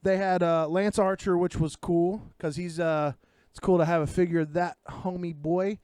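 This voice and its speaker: A man's voice: high-pitched, steady tone, normal speed, darkish tone, smooth, no room sound, studio quality. A man co-hosting a casual podcast, talking in an enthusiastic, rambling way. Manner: enthusiastic, rambling wrestling fan. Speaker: podcast co-host. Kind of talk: casual chat.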